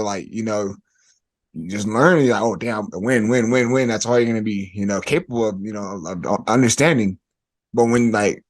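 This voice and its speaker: Animated man hosting a podcast. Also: lowish voice. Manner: animated, emphatic, repeats words. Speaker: podcast host. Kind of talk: casual podcast chat.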